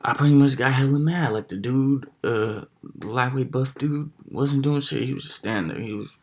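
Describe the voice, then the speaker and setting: A young man telling a personal story in a casual, slang-heavy, animated way with lots of swearing. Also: mid-range voice, moderate pace.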